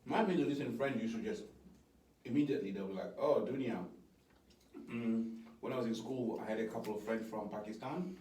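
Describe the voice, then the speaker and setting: In a casual chat, a man who interviews people and created a brand project earnestly explains his ideas. His voice is fairly low, quick, and a little mellow. The recording sounds roomy with a distant mic and faint background noise.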